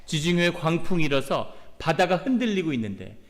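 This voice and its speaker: Korean pastor preaching in an echoing church. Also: male voice, fairly high pitch, big pitch swings, a little fast. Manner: earnest preaching, voicing quoted prayers and rebukes. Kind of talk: sermon. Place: church sanctuary. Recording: long church reverb.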